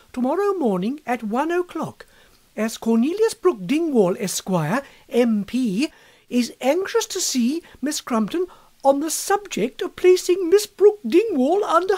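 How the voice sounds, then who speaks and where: A man voicing a prim older spinster schoolmistress, reading out a note in high fluttering triumph. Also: darkish tone, exaggerated voice.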